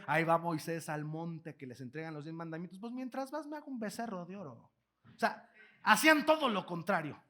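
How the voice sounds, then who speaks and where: A man with a Mexican accent giving a keynote talk, retelling a story in an animated, slangy, joking way. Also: high-pitched. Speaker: keynote speaker.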